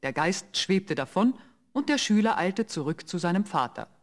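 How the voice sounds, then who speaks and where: A man giving scripted fairy-tale narration in an even storytelling voice. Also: high-pitched, moderate pace.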